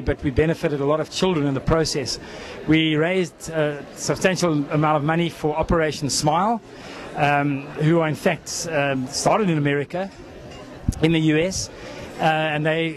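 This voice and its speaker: A man in his fifties from South Africa, talking earnestly into a handheld mic at an indoor expo stand about running for charity. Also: fairly high pitch. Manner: earnest, inspirational, with frequent ums. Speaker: interviewee, ultra runner. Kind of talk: talking to camera at a race expo.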